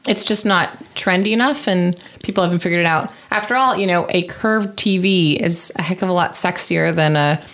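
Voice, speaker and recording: A woman's voice: on the low side, normal speed, hardly any pauses, a bit bright. A woman co-hosting a casual tech podcast, asking curious follow-up questions and giving opinions. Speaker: podcast co-host.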